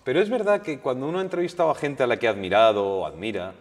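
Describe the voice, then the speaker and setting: A male journalist telling lively anecdotes at a public talk, acting out the dialogue with restarts, on a stage microphone in a lecture hall. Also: medium pitch, racing. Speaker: journalist, guest.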